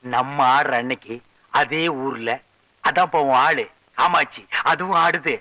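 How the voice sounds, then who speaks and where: An actor playing a scheming, jokey elder-brother figure who manages a troupe, in a 1980s film drama. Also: male voice, a little high, a little slow, lightly acted. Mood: teasing. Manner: chatty, teasing, conspiratorial. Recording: dull lo-fi film soundtrack.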